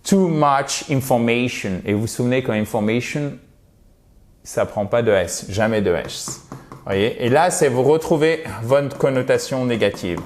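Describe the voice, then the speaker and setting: A man with a French accent giving an online English lesson, explaining grammar in a lively teaching manner and slowing down to model example phrases. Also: mid-range voice.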